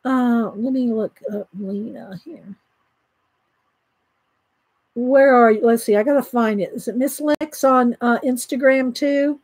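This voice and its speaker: On her live art stream, a talkative host with a bright, high voice calls out viewers in chat by name and reads from a book, frequently giggling. Her delivery is unhurried and slightly rough, recorded close up and dry with no echo from the room.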